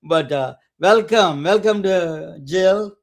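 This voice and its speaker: A man hosting a webcast, introducing guests in a halting way with many restarts and fillers. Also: high voice, vocal fry. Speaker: webcast host. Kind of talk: casual interview introduction.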